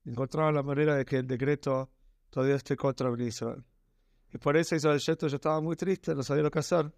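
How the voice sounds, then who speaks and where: A man with a Rioplatense Spanish accent tells a religious tale in a slightly raised voice. He sounds earnest and slows down to stretch the key words. The sound is dry and close. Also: a little high, steady tone, dry recording. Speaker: storyteller. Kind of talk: telling a religious story.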